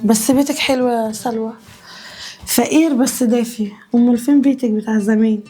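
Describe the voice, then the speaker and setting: A woman's voice: on the high side, fairly even intonation, fairly quick, dark tone, soft background music, natural voice. An actress with an Egyptian accent playing a proud young woman, formerly rich, talking bitterly and sarcastically. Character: proud young sister-in-law, fallen from wealth.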